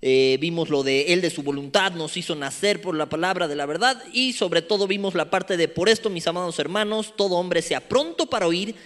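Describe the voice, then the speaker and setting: A man's voice: high voice, moderate pace, hardly any pauses, fairly bright tone. A man preaching a sermon and teaching a Bible study, with playful asides to the congregation.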